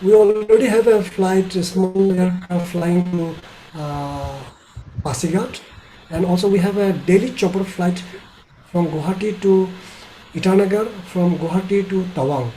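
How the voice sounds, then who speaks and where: A middle-aged man with an Indian accent, giving an informal webinar talk as a tour operator in a halting, hesitant way. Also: high voice, dark tone. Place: small bedroom indoors, video call. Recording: slightly noisy video call.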